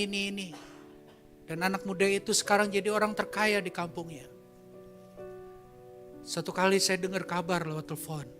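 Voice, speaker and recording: A man's voice: high-pitched, fairly bright tone. A man who is a pastor, preaching a storytelling sermon at a church service in a conversational way and asking the congregation questions.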